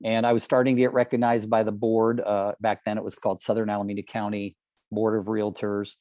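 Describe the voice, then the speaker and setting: A man's voice: on the low side, little pitch movement, brisk, mellow, dry recording, studio quality. A man in his sixties from California, giving an earnest, emphatic motivational training talk to real estate agents, often asking the audience questions. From California, United States.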